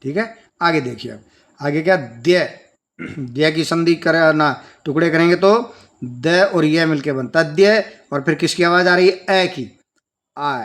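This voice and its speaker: Guy teaching kids letters, breaks every word down slow, kinda higher voice. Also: fairly bright tone. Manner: slow, patient, spelling out sounds step by step. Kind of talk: Sanskrit lesson for children.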